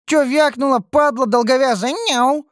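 Man playing a hot-tempered cat-girl, foul-mouthed, meowing, high and loud, dry close recording. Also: moderate pace, dry recording. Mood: furious. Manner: rude, snarling, meowing.

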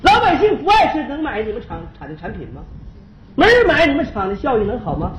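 A man's voice: very high-pitched, wildly swooping pitch, heavily acted. A man playing a cocky, teasing rich farmer businessman in a stage comedy sketch. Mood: bragging. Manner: teasing, quick banter. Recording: echoey stage, slightly dull sound.

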